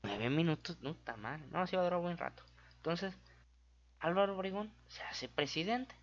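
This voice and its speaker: In a playful, relaxed history explainer, a Mexican-accented YouTuber speaks in a mid-range voice at normal speed, intonation lively and swinging up and down. Mouth-made sound effects and constant self-corrections keep it goofy and chatty, though the audio is dull, low quality, and missing its highs.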